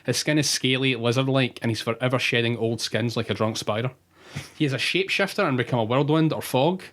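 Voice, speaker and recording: Man, podcast co-host, quick delivery, laughs mid-story, mid-pitched voice. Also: fairly bright tone. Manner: quick, laughs through his own telling. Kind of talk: casual podcast banter, reading out lore.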